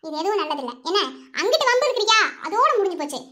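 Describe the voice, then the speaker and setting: A woman voicing a bold, sharp-tongued young village woman in an animated cartoon, scolding in a Madurai Tamil accent. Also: very high-pitched, exaggerated voice. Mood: scornful. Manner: scolding, fast, defiant.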